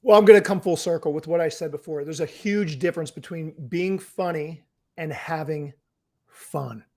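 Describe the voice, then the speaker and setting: A man's voice: fairly high pitch, moderate pace, a little mellow. A man who is a guest speaker, giving upbeat, punchy closing thoughts in a casual way.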